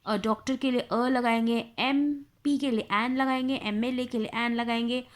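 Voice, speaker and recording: A woman teacher leads a grammar lesson. Her voice sits high. She explains patiently and step by step, sounding out each example word slowly. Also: fairly even intonation. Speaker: English teacher.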